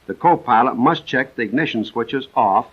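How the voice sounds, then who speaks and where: Heard through the muffled, narrow-band sound of a 1940s film, a medium-pitched American man narrates scripted military instruction. He is careful and exact, moving through the steps one by one, and his voice has an expressive, breathy edge.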